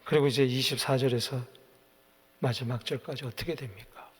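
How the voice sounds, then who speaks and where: A male pastor giving an early-morning sermon, retelling the story in a lively, dramatic way. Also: mid-range voice, moderate pace, slightly rough. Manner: animated storytelling, acts out quotes. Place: church sanctuary. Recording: long hall reverb.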